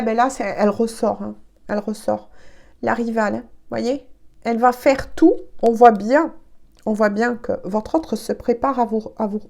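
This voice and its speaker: Gravelly-voiced woman giving a tarot reading. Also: on the high side, darkish tone. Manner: chatty, hesitant, peppered with "hein". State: congested from allergies. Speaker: tarot card reader. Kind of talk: casual spoken tarot reading.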